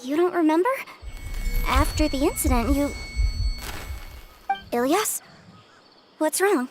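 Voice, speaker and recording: A woman playing a caring, cheerful young sister in a video game, gentle and friendly. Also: sits high, animated, slow pace, music in the background. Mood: concerned.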